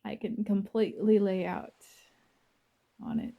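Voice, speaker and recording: Speaking in a mid-range voice with huge swings in pitch, a woman narrates a guided visualization from a first-person view. Her delivery is soft, breathy, gentle and dreamy, broken by long unhurried pauses, and the audio sounds narrow and tinny.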